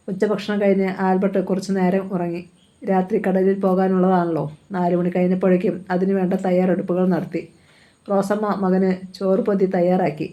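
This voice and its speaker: A woman narrating a novel aloud in a steady, even storytelling manner. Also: lowish voice, muffled recording. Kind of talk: novel reading.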